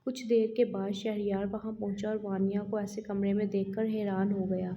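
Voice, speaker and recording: Female audio-novel narrator, steady plain reading, mellow tone, slightly muffled recording. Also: medium pitch, slight background noise.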